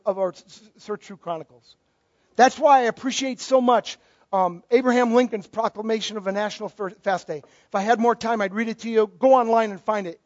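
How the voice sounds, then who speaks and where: A man's voice: very high-pitched, no room sound. A middle-aged male pastor giving a conversational sermon with joking asides. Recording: dull, dry lo-fi recording.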